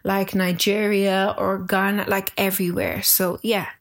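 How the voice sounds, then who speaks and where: A woman's voice: mid-range voice, level tone, a little slow, vocal fry. A woman in her twenties with an Irish accent, a podcast guest chatting casually, laughing often and acting out the people she quotes. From Democratic Republic of Congo, raised in Ireland. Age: 20s. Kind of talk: casual interview chat.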